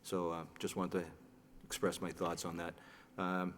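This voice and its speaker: A man chairing a city license commission hearing, formal and procedural, with halting fillers and restarts, in a courtroom-style recording from a public chamber. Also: deep voice, monotone. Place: city hall meeting chamber. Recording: reverberant chamber with faint background noise.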